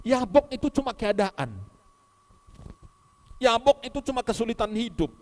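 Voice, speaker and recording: Man, high voice, emphatic sermon, soft asides and loud exhortation. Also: animated, normal speed. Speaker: pastor.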